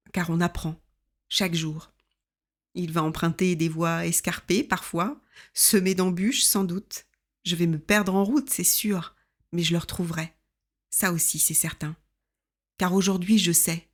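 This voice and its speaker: A woman in her fifties reads aloud from her own memoir. Her voice sits a little low, and her telling is measured, intimate and reflective, like someone sharing personal pages with listeners. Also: steady tone. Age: 50s. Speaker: author reading her own book.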